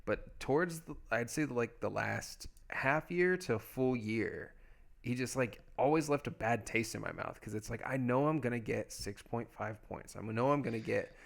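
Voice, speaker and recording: A young man with a gravelly edge to his voice talks fantasy football at a medium pitch. He rambles enthusiastically and fills his sentences with "like.". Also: moderate pace. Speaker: podcast co-host. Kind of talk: casual sports chat.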